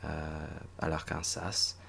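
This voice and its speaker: A young man from northern Virginia, a native English speaker, talking slowly and hesitantly in a reflective monologue, with many pauses and restarts. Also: a bass voice, completely flat delivery, gravelly, fairly bright tone, husky. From United States (northern Virginia). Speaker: recent master's graduate vlogger.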